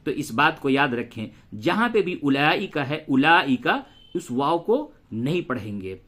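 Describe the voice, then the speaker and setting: A man teaching Quran recitation, patiently spelling letters aloud and reciting verses very slowly. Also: a little high, sing-song, a bit bright. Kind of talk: tajweed lesson with slow recitation and spelling.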